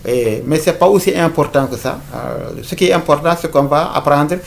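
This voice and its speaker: A man's voice: a little high, lively intonation, moderate pace, vocal fry, slight background noise. A man teaching an informal video lesson, hesitant, with many fillers, restarts and repeated words. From Africa.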